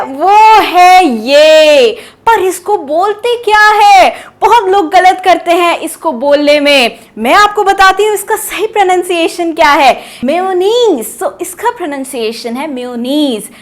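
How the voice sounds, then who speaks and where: High-voiced woman teaching pronunciation. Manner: lively and teasing, quizzes the viewers, drawn-out emphasis on words. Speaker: English teacher. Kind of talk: online pronunciation lesson.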